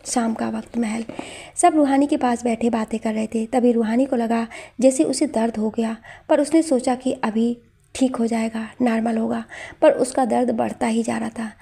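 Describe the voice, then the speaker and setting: A woman narrating an audio drama story in a steady, dramatic storytelling manner. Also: on the high side, creaky, husky.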